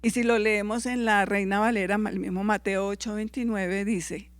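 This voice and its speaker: Speaking at a normal speed with fairly even intonation and a medium pitch, this teacher reads Bible verses to a class in a recording without echo. When a reference comes out wrong they fix it, and they use quick tag questions to check on the listeners.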